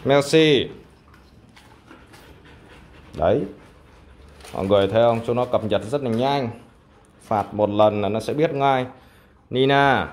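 A man's voice: medium pitch, unhurried, pauses often, darkish tone. A man chatting casually to his pet dogs and to viewers, coaxing them and calling out short commands, recorded on a handheld phone in a room at home. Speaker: dog owner and vlogger. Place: indoor tiled room at home. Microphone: handheld phone behind the camera. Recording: home phone recording with clear background noise.

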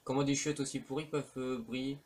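A man's voice: mid-range voice, little pitch movement, fast, a little mellow. A man giving casual, rambling commentary on a horror video game, full of hesitations and slang. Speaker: let's play commentator. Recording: faint background noise.

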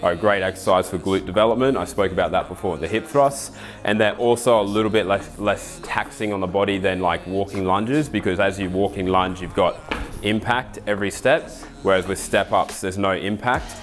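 A man in his thirties with an Australian accent, giving a relaxed, enthusiastic walkthrough of his garage home gym. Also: deep voice, brisk, faint music behind. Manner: relaxed, enthusiastic, explains with asides. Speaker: fitness ambassador giving a gym tour. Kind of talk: casual walkthrough to camera. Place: home garage gym with roller door, indoors.

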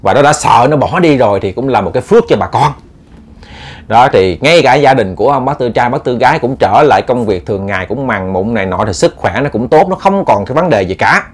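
A man telling a ghost story in a lively way, speaking straight to his listeners with many repeats. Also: mid-range voice, a little fast.

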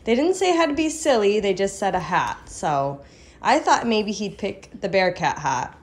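Her medium-pitched voice has a sing-song lilt at a normal speed as this young American mother chats casually for a vlog. The phone is held at arm's length in her living room and kitchen, with household sounds clearly in the background.

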